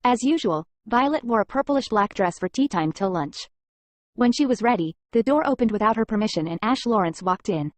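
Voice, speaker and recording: A woman narrating a comic story recap in an even, plain reading manner. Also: on the high side, brisk, no room sound.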